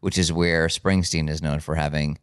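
A man's voice: a bass voice, little pitch movement, moderate pace, smooth, no echo. A man co-hosting a podcast, chatting casually with a dry, wry humor and a tired edge. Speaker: podcast co-host. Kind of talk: casual chat.

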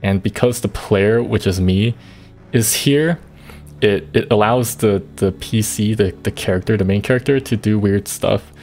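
A man streaming a game, chatting casually and thinking aloud with quick reactions. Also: on the low side, a little mellow. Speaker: gaming streamer.

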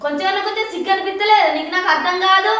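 A woman's voice: extremely high pitch, racing, sharp tone. A woman playing a village wife and aunt who scolds sharply and comforts by turns. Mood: scolding. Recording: echoey room, music behind.

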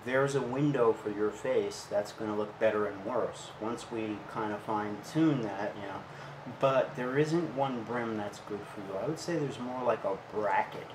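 A hat shop owner with a lowish voice talks his customers through choosing a hat, relaxed and chatty, trying hats on as he goes. The room is echoey, with loud street noise behind him. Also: normal speed. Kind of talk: casual explanatory shop talk.

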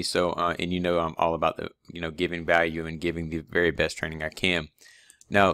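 A man's voice: low voice, fairly bright tone, clear, resonant tone, no echo. A man, an online automation-training instructor, casually walks viewers through his course website with many fillers and restarts. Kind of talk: screen-recorded course walkthrough.

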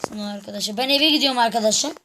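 A woman giving casual game commentary to her viewers, halting and restarting often, with a somewhat muffled voice recorded on a phone. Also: a little high, a bit bright, slight background noise. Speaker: gaming video creator.

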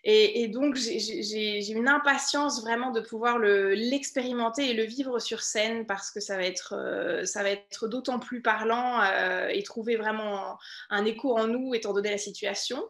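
A woman's voice: fairly high pitch, steady tone, normal speed, fairly bright tone. French woman pianist on a video call. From France. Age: 30s. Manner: thoughtful, many hesitations and restarts. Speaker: concert pianist. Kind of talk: remote interview. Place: room at home with bookshelves. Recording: echoey room over music.

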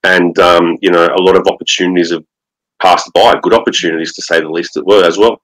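A middle-aged Australian man, a guest speaking over a video call, relaxed with many fillers. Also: sits low, a little fast, low-quality recording. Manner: relaxed, fillers like um and you know. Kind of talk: interview.

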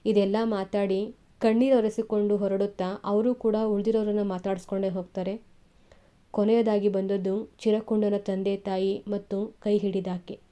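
A woman reading a novel aloud in measured, expressive storytelling. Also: mid-range voice, clean tone. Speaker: reader of a novel.

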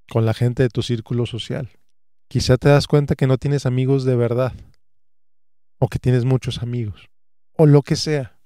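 A man's voice: mid-range voice, dark tone, clear, resonant tone, no echo, studio quality. A man in his thirties hosting a solo finance podcast, earnest and stacking repeated phrases. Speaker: podcast host and financial advisor.

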